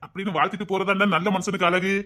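Brief: man playing a needling young friend, Tirunelveli Tamil accent, quick and bright, comic sketch banter. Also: high voice, little pitch movement. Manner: mocking, needling. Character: teasing young man mocking his heartbroken friend. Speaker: comedy sketch actor.

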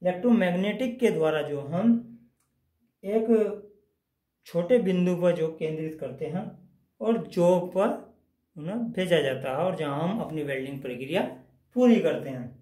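A man with a high voice gives a whiteboard lesson. He talks through each step slowly and repeats key phrases. His voice rings in an echoey room. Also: expressive, warm tone. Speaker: teacher. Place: indoors at a whiteboard.

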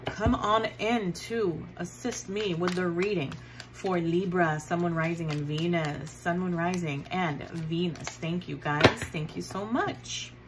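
Woman, tarot reader, slow pace, chatty and affectionate, faint background noise. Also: on the low side. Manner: chatty, affectionate, repeats signs and card names. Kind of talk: casual tarot reading to viewers.

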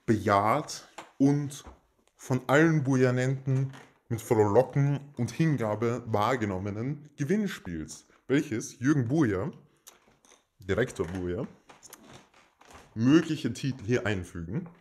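A man makes a mock-formal giveaway announcement as host, speaking in a pompous, stilted and deadpan manner. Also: mid-range voice, slow. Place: indoors in a home.

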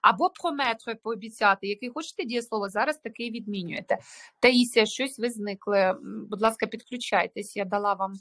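Russian-native woman teaching online, high voice. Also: brisk, a bit bright. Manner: explains patiently, checks understanding with tag questions. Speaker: French teacher. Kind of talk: online language lesson. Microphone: video call.

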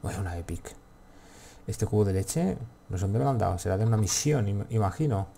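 Animated and brisk, a man with a lowish, warm voice and some vocal fry talks over slight background noise. He hosts gaming videos in a Castilian Spanish accent from Spain, rambling to himself through casual commentary and swearing freely.

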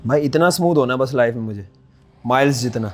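A man's voice: medium pitch, very fast, soft background music. A man with an Indian accent, a native Hindi speaker, giving casual gameplay reaction commentary. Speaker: gaming streamer.

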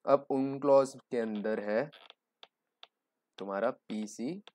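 A man's voice: medium pitch, takes it slowly, darkish tone. A young man giving a joking, conversational exam-prep lecture, explaining with everyday examples. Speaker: teacher.

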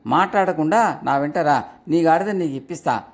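A man's voice: a little high, moderate pace, lightly acted. A man voicing a cunning old woman swindler who talks sweetly and plays innocent, in a storybook reading. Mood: wheedling. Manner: feigned innocence, wheedling.

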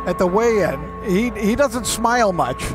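A man giving conversational boxing commentary in a halting, reflective manner. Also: sits high, animated. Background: music.

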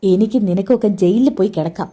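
A woman's voice: mid-range voice, quick pace, dark tone, breathy edge, lightly acted. A woman voicing a scheming male villain who gives cold, commanding orders. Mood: menacing.

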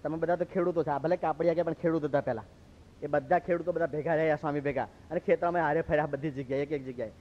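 Fast-talking high-voiced monk. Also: male voice. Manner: lively, acts out quoted speech. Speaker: monk preacher. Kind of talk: storytelling sermon. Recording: dull lo-fi recording.

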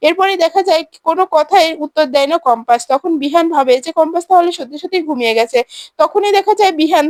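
A woman narrating a recap of a TV serial in rapid, breathless storytelling. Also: very high-pitched, animated, a little mellow, dry recording.

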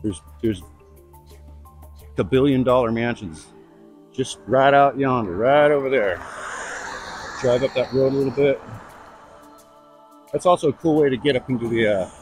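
A man's voice: mid-range voice, moderate pace, pauses often, faint music behind, low-quality recording. A middle-aged man rambling bluntly in a casual walk-and-talk vlog, recorded outdoors on a lapel mic. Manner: rambling, chatty, blunt asides. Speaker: vlogger. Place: outdoors on suburban streets. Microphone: lavalier mic.

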